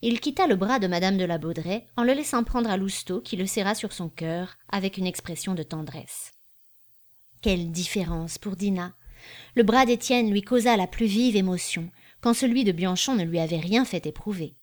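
A woman reads a classic novel aloud as an audiobook narrator. Her delivery is measured and even. Her voice sits in a middle pitch for a woman. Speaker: audiobook reader.

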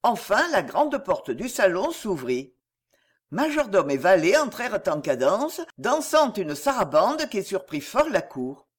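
Woman narrator for a storybook: slow, expressive, lively melody. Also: mid-range voice, husky. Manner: expressive, measured. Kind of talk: storybook reading.

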